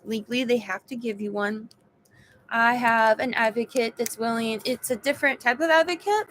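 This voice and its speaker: A woman's voice: on the high side, fairly bright tone, a little hiss or hum. A woman in her thirties venting in a personal vlog, exhausted and exasperated, trailing off and restarting as she talks. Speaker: vlogger sharing a health update.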